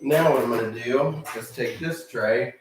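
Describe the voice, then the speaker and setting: Man with the hiccups, slow easygoing narration, roomy sound, mic set back, faint clinking of tools. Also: medium pitch, far from the mic, a little hiss or hum. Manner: slow, offhand narration while working with his hands. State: has the hiccups. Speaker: RC hobby channel host. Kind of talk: casual workbench commentary.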